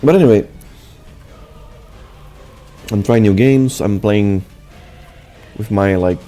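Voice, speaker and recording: As channel host, a young adult Brazilian man, Portuguese-native, talks through an informal update in English, full of hesitations, fillers and restarts. His voice runs low with a dark tone, and faint music is audible behind it.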